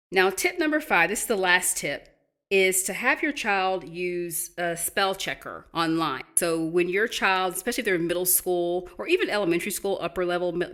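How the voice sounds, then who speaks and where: This middle-aged teacher has a fairly low-pitched voice that is a bit bright. Giving an instructional talk to parents, she patiently and encouragingly explains spelling tips, sounding out words one letter at a time.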